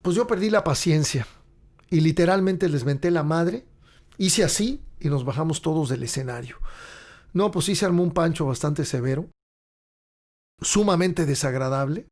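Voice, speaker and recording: A man's voice: fairly high pitch, animated, normal speed, pauses often, a little mellow. A middle-aged man with a Mexican accent, hosting a podcast and telling long, rambling anecdotes full of slang. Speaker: podcast host and rock musician. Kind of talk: casual storytelling monologue.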